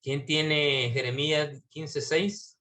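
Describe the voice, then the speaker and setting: A man teaching a Bible class, talking in a halting way with many fillers and restarts. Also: fairly high pitch, steady tone, pushed and bright.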